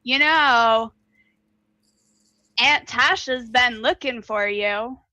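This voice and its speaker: Woman playing a bright-voiced, brash, scrappy adventurer woman. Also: fairly high pitch, drawn-out words, no echo, muffled recording, full character voice. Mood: offhand. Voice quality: crackly. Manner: slangy, blunt, offhand.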